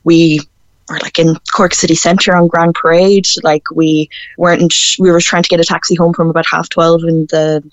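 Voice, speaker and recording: A woman's voice: fairly low pitch, level tone, moderate pace, dry recording, lo-fi sound. A woman with a west of Ireland accent talking candidly in an interview, hesitant and informal. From Galway, west of Ireland. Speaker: interview guest, performer.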